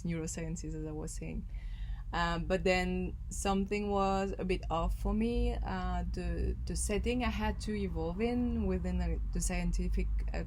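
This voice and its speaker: A woman in her thirties from Belgium talks through her own story in a slightly low voice, with a steady, reflective pace and frequent fillers. A faint hiss sits under the recording. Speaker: guest. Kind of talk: casual interview answers.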